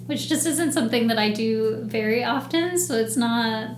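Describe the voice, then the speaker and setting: A woman's voice: a little high, moderate pace, slight background noise. A woman co-hosting a podcast in a chatty, rambling casual chat. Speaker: podcast co-host. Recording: echoey room.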